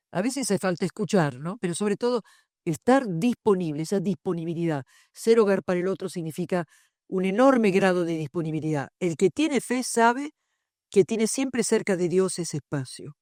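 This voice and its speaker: A woman's voice: fairly low pitch, a little mellow, dry recording, studio quality. An older woman with an Argentine accent presenting a book, reflective and digressive, telling anecdotes. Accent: Argentine Spanish. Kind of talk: public book presentation talk. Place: university lecture room.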